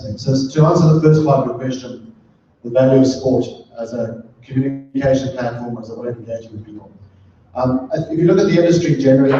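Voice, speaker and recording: Heard from far off in a big echoey event room with an audience, a middle-aged sustainability consultant from southern Africa talks as a panel guest. His mid-range voice is dark and mellow, and he's thoughtful but full of ums and restarts, in a muffled recording with slight background noise.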